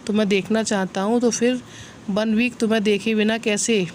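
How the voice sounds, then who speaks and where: A man's voice: high-pitched, fairly even intonation, normal speed, slight background noise, close to an everyday voice. A woman voicing a teasing, romantic young man pleading to see his girlfriend in a storybook reading.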